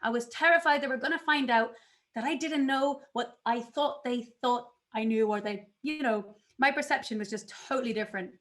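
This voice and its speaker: A woman giving a conference talk, telling her story in an animated way and acting out her own past reactions. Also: fairly high pitch, moderate pace. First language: not English. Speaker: conference speaker.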